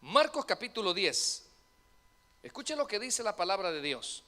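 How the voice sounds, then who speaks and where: A male pastor preaching a sermon in a church, animated and asking the congregation questions. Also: high-pitched, measured pace. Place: church sanctuary. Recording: reverberant church hall.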